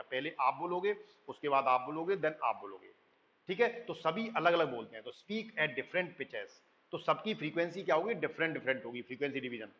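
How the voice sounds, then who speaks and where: A man with a slightly raised voice gives a recorded lecture, explaining step by step and reading English lines from slides slowly. He keeps checking understanding as he goes. The sound is dull and muffled. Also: a little high, fairly bright tone. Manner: explains in Hindi, reads English lines slowly, frequent "thik hai" checks.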